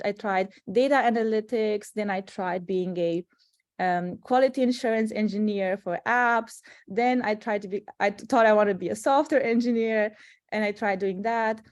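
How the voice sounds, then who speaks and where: A woman's voice: mid-range voice, no room sound, clean studio sound. A young adult woman from Romania, a product manager, talking casually with many fillers and frequent laughs, speaking from an office meeting room. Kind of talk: casual panel interview.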